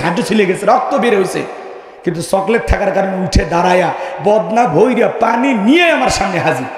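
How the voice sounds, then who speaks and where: A man with a Bangladeshi regional Bengali accent preaching a humorous sermon, teasing the crowd and calling on them to answer loudly. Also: high voice, roomy sound, big-room sound. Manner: calls on the crowd to answer loudly, jokes and teases.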